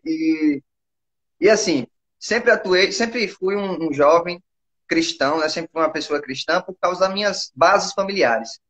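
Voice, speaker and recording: Brief: Brazilian guy, early 20s, raised pitch, earnest interview guest who keeps checking in with the listener. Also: fairly bright tone. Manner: earnest and explanatory, often asks for agreement. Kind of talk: conversational interview.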